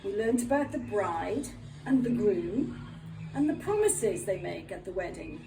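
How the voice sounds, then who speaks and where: Woman teacher doing a kids lesson, slow and mellow, echoey room, mic a bit far, faint hiss. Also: medium pitch. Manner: patient, clearly spelled-out explanations. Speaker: primary school teacher. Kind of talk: lesson for young children.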